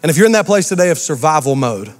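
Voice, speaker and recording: A man preaching a sermon as pastor, animated and talking straight to the congregation with asides and call-outs. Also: a little high, fast, big-room sound. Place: church auditorium.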